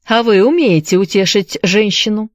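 A woman reading a story aloud, voicing a sharp-tongued young woman who speaks with sarcasm and fierce demands. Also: medium pitch, big pitch swings, normal speed, no room sound, clean studio sound, pitched above the performer's own voice, close to an everyday voice. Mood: sarcastic.

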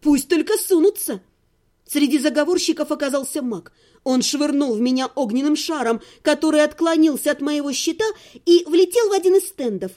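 A woman narrates a first-person fantasy story in an expressive reading voice. Her voice sits high, yet the tone stays mellow and soft-edged. She reads the narration between the characters' lines. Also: fairly quick. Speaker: audiobook narrator.

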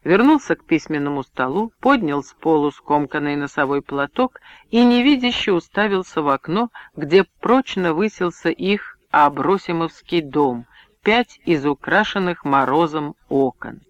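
A man reading a novel aloud as an audiobook narrator, steady and even storytelling. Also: on the high side, moderate pace, no room sound. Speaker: audiobook reader. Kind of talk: scripted narration. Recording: muffled, dry audiobook recording.

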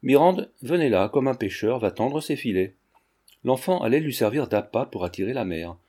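A man narrating a novel in a steady, measured audiobook reading. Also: mid-range voice, slightly rough.

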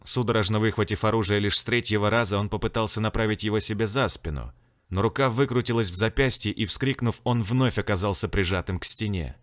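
A man reading an audiobook, expressive, acting out the dialogue. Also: fairly low pitch, quick pace. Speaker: narrator. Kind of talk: audiobook narration.

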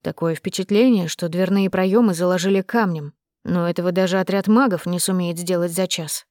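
A woman's voice: fairly low pitch, steady tone, fairly quick, darkish tone, dry recording, studio quality, lightly acted. A woman voicing a grim, terse male warrior ambassador in an audiobook, speaking clipped through clenched teeth. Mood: tense. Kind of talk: audiobook character reading.

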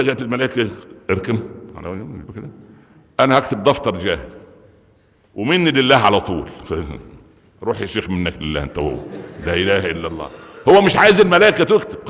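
Fast-talking Egyptian preacher, echoing hall. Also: male voice, medium pitch. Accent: Egyptian Arabic. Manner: lively, joking, full of rhetorical questions. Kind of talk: Friday sermon. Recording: long reverb of a large hall.

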